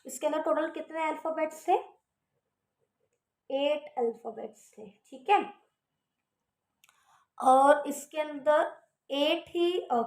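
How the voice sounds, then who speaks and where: A high-voiced woman explains shorthand strokes in an unhurried way. She keeps checking that her students follow. The room around her rings with echo. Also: vocal fry, a little mellow. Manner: repeats "theek hai" to check understanding. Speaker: shorthand teacher. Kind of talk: casual classroom explanation.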